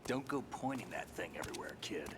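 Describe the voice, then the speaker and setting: An actor playing a calm, seasoned soldier who is gruffly reassuring in a video game cutscene. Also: male voice, sits low, fast, noisy background.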